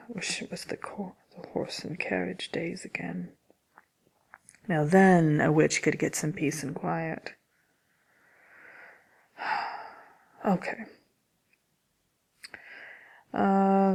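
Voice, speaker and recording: A haughty wicked witch, acted by a woman, hosts an ASMR question session in a low, soft-spoken voice. She takes her time with a slow, hesitant delivery full of vocal fry, sounding dry, grumpy and condescending. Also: heavily acted. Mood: grumbling. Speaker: host of a question-and-answer show.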